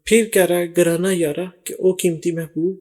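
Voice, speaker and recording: A man with a high voice hosts a relaxed talk. He explains song lyrics word by word and lingers on each phrase as he repeats it. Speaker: host translating song lyrics. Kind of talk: casual explanatory chat.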